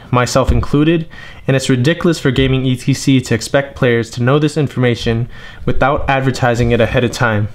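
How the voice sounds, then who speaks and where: A young man from New England gives a frustrated monologue, complaining at length and then reading out a list of cards in a flat voice. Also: mid-range voice. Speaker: card game vlogger. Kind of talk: monologue rant and tournament report.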